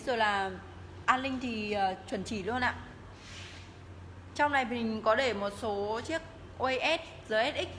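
Walking through the tiled rooms and stairwell of an indoor motorbike showroom, a woman livestreams a promotional sales pitch and keeps urging viewers to contact her. Her tone is fairly bright. She holds a phone as she walks, so the audio is noisy and echoes off the hard walls.

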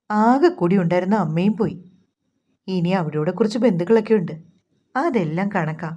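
A woman narrating a romantic novel, voicing every character's dialogue in a soft, even storytelling voice. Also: mid-range voice, lo-fi sound.

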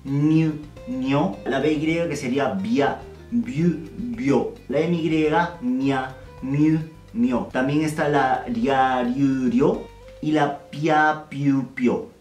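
A man from Peru, giving a casual video lesson in an irreverent, slangy way and drilling syllables slowly. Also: medium pitch, a little mellow, far from the mic. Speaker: language teacher. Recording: roomy, off-mic sound with faint music.

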